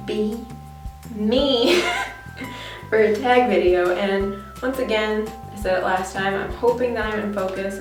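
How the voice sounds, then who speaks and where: American woman vlogging in a very echoey bathroom. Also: medium pitch. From Connecticut, USA. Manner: talky, informal. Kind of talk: casual chatty tag video. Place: small bathroom, indoors. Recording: echoey bathroom, distant camera mic.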